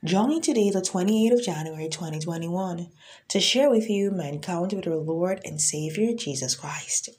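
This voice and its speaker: A woman minister delivering a prayer and prophetic message, speaking slowly and deliberately and quoting scripture often. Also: fairly low pitch, darkish tone. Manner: slow, deliberate declaring, with frequent scripture quotes.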